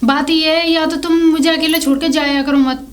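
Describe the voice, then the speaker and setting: A woman's voice: high voice, fairly even intonation, moderate pace, lightly acted. A woman acting an indignant young daughter-in-law who scolds and snaps back in a comic sketch. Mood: scolding. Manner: scolding, sharp retorts. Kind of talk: rustic comedy sketch acting.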